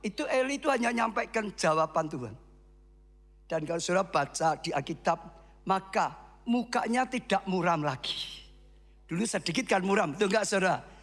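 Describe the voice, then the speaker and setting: A man preaching a sermon as pastor, swinging from quiet asides to shouted exhortation. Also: high voice, animated, moderate pace, big-room sound.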